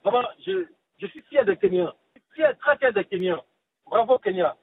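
A man's voice: high-pitched, sing-song, normal speed. A man leaving an answering machine message for a radio show, emphatic and repeating himself. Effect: answering machine message over a phone line. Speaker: caller leaving a voicemail. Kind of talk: recorded voicemail. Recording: tinny phone line with faint hiss.

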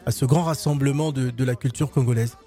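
A male interviewer with a warm, dark-toned voice puts measured questions to his guest. His pitch sits in the middle for a man. He speaks deliberately, pausing and restarting as he shapes each question. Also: steady tone, soft background music. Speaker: radio interviewer. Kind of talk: radio interview.

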